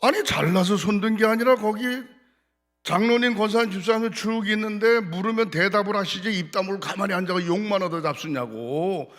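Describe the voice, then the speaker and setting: An older pastor preaches from the pulpit, his voice sitting a little high for a man. He tells stories bluntly and colloquially, in a lively folksy manner, in a church sanctuary. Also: brisk. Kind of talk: sermon.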